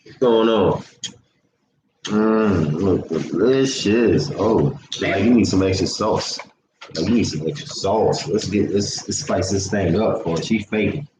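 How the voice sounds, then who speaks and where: A man's voice: deep voice, unhurried. A man joining his partner's livestream, joking around in playful slang while they share food. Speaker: host's partner. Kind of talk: casual livestream chat. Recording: echoey, noisy phone livestream.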